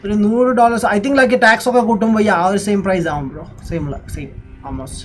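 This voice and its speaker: A man's voice: high voice, animated, fast. A man with a Malayali accent casually commentating on a live game stream, switching between Malayalam and English. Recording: game music behind the voice. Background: game music and vehicle sounds.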